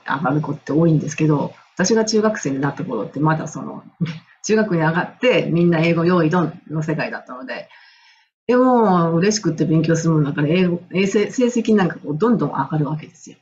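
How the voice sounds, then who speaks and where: Middle-aged woman from Japan, lively, chatty coach recounting memories; slightly dull recording with a light hiss. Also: low-pitched. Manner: animated, enthusiastic, laughs often. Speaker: English and music coach. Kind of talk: casual storytelling monologue.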